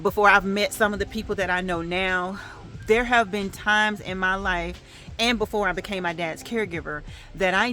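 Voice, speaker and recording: A middle-aged woman vlogging to camera, telling a story in a chatty, animated way with plenty of fillers. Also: fairly low pitch.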